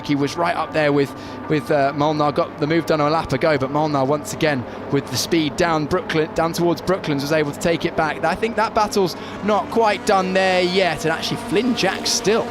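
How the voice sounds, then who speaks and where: A man's voice: fairly high pitch, steady tone, moderate pace, music in the background. A man co-commentating live on motorsport, keenly analysing and explaining the racing over trackside noise. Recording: clear outdoor engine and ambience noise.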